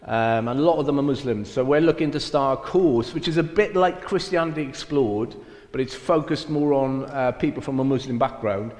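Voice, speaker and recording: At a moderate pace and with a darkish tone, a middle-aged Welsh man with a mixed Welsh and Cockney accent speaks in a mid-range voice. He is a mission field director, joking at his own expense and using many fillers during a church interview, heard in a reverberant, echoey church hall.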